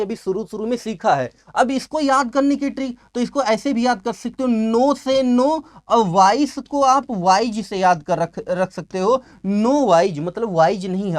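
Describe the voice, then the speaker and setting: In an exam-prep lecture, a high-voiced man teaches English vocabulary, posing questions and answering them himself while stretching out key words for emphasis.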